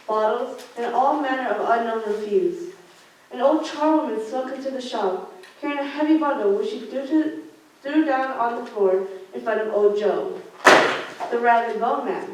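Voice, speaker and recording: Recorded from a distance in a very echoey room with slight hiss or hum, a teenage girl narrates a scripted story for a student radio play and trips over words occasionally. Her voice is a little high but darkish in tone.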